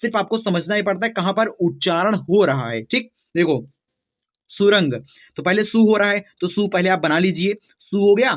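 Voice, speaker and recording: A man's voice: sits high, moderate pace. A man teaching a beginners' spelling lesson, spelling words out letter by letter and often checking in with his students. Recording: dull lo-fi sound.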